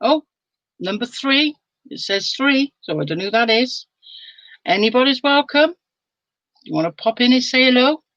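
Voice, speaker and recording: A woman's voice: a little high, expressive, moderate pace, long pauses, fairly bright tone, no echo, muffled recording. An older woman hosting a casual live stream from home, chatting with viewers, reading their comments aloud and laughing often. She sounds sleepy and yawns now and then. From England. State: sleepy, yawning.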